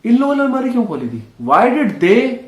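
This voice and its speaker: A man's voice: very high-pitched, sing-song, normal speed, reverberant. A man teaching a spoken English lesson, patiently repeating drills and calling his viewers friends.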